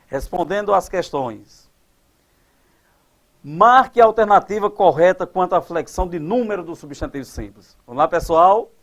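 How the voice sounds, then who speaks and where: A man teaching grammar at a board, quizzing his class and drawing out example words slowly. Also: high voice, animated, a bit bright. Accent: Brazilian Portuguese. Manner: didactic, asks the class questions and answers them.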